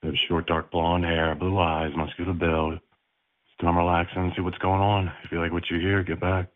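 A man's voice: deep voice, little pitch movement, normal speed. A man in his forties leaving a recorded voicemail greeting on a chat line, promoting himself, heard over a tinny phone line. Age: 40s. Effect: recorded chat line voice greeting played over a phone.

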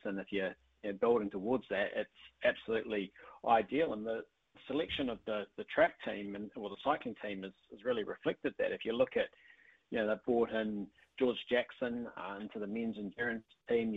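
Gravelly, husky Kiwi man on dull line. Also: on the low side. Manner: enthusiastic, conversational. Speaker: cycling commentator. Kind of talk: casual interview analysis.

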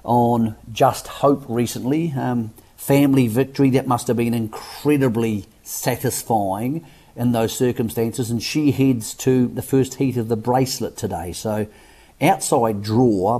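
Aussie radio guy, soft mellow husky voice, chatty matey racing interview host. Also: medium pitch, measured pace. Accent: Australian.

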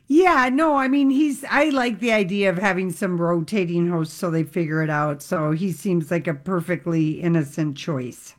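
A woman's voice: lowish voice, normal speed, hardly any pauses. A woman co-hosting a radio talk show in casual, opinionated conversation.

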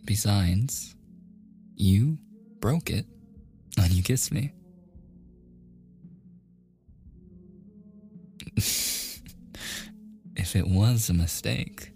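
A man with a voice on the low side takes on the role of a smitten, insistent young man in boyfriend ASMR. Soft and halting, he sometimes shifts into a breathy, coaxing whisper, sounding teasing and insistent.

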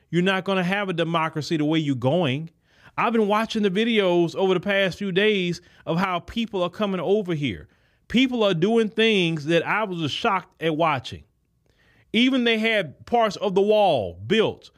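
A man hosting a podcast, giving an indignant, emphatic political commentary monologue. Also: high voice. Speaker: podcast host.

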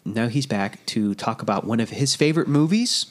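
A man hosts a casual movie podcast, joking with his friends and laughing often. He is a little under the weather but keeps an easy, relaxed manner. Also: mid-range voice, normal speed. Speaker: podcast host.

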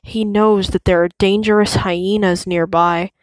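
Woman, storybook reader, slow, measured, clear, dry close sound. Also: medium pitch, fairly even intonation, dry recording. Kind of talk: reading a children's storybook aloud.

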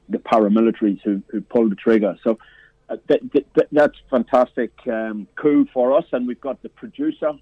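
This man programs a film festival and is discussing films on the radio, speaking in a mid-range voice with no room sound. He breaks off and starts over frequently, leaning on lots of fillers, and the phone line sounds tinny and dry.

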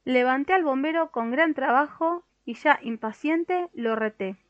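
A woman reads a children's story aloud in the first person, with a lively storytelling touch. Her voice sits fairly high, and the recording is dry and a little dull. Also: unhurried, dry recording. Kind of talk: children's audiobook narration.

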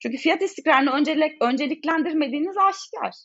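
A young woman, an economics lecturer, talking in a casual discussion in an exasperated, animated way with many fillers. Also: high-pitched, quick pace, dull audio.

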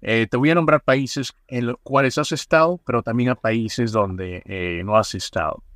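A man hosting a casual podcast interview, asking quick questions in a relaxed way with many fillers. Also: mid-range voice, no room sound, studio quality. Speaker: podcast host.

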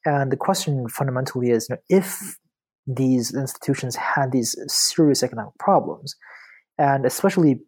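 A man's voice: mid-range voice, moderate pace, a little mellow, husky. A man from China, a law professor, answering interview questions in a thoughtful way with many fillers and restarts. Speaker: guest author, law professor.

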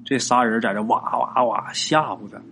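A man's voice: normal speed, vocal fry, sharp tone, slight background noise. A man, casually telling a ghost story and acting out the characters' lines. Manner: colloquial, acts out characters' lines with big pitch jumps.

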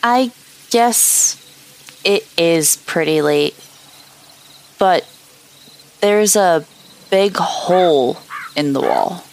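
A woman voicing a slow, sweet young settler. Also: lowish voice, lively intonation, full character voice.

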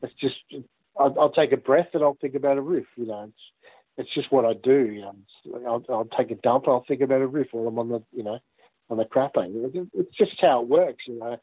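Dull-sounding call, halting male guest. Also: mid-range voice, slightly rough, no room sound. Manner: halting, repeats "you know". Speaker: interview guest, musician. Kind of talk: casual, reflective chat. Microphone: remote call.

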